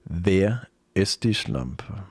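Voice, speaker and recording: A man's voice: medium pitch, very animated, moderate pace, breathy edge, no echo. Cold vengeful girlfriend, as a man puts her on. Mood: menacing. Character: jealous, vengeful young woman, cold and menacing.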